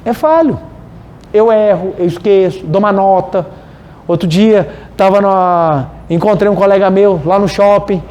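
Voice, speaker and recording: A man with a Brazilian Portuguese accent giving a religious study talk, animated and telling stories while speaking straight to his audience. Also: high voice, unhurried. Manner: animated, storytelling, addresses the audience directly. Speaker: spiritual lecturer.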